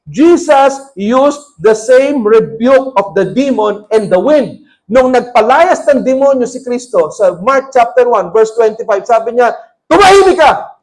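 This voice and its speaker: Preaching a sermon as a pastor, a man with a Filipino accent switches between Tagalog and English and acts out quoted lines in a raised voice. His voice sits extremely high and has a slightly mellow quality.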